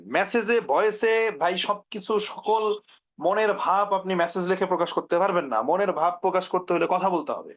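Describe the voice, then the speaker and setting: A man from Bangladesh coaching network marketers in a conversational way, acting out sample phone chats as he goes. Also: high-pitched. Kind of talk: informal training talk. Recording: dull lo-fi recording.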